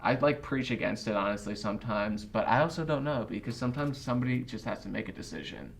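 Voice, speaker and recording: A man with a gravelly, mid-pitched voice, co-hosting a studio podcast. He rambles through his points in loose, casual chat and swears without a second thought. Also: expressive, fast.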